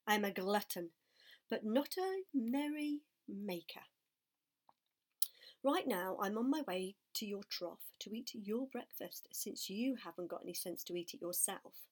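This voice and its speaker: A woman's voice: fairly high pitch, unhurried, natural voice. A woman voicing a sour, crafty old rat. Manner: sour, grumbling.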